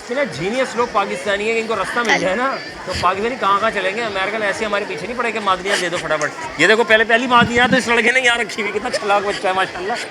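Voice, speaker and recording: Fast, high-voiced joking reporter man. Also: a crowd in the background. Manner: jokey, teasing, quick, lots of banter. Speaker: TV reporter and show host. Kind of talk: lively on-the-street interviews. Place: outdoor school carnival. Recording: loud music behind the voice.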